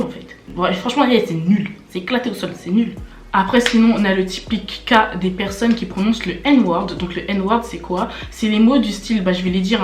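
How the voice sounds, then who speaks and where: A young woman vlogger talking to camera in a casual, slangy way. She is indignant and emphatic, and she fires off rhetorical questions. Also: medium pitch. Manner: slangy, filler-heavy talk. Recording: roomy echo, faint music.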